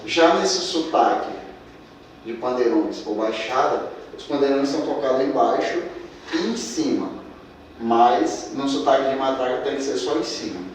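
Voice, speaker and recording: A man from Maranhão, Brazil, leads a percussion workshop, counting beats aloud while demonstrating on drums in an instructional way. His medium-pitched voice is unhurried, with slight background noise. The room echoes, the mic sits at a distance, and percussion instruments play in the background.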